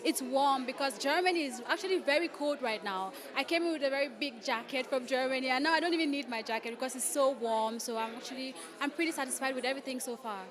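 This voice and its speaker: Upbeat woman from Cameroon, high voice, casual interview answers, crowd behind. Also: quick pace, few pauses. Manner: upbeat and casual, says "like" often. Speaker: beauty pageant contestant.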